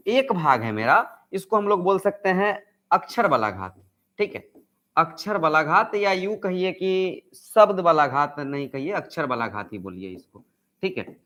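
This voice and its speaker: A man's voice: a little high, fairly bright tone. A man teaching an online grammar lesson, asking questions and answering them himself. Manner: acts out example sentences with stress.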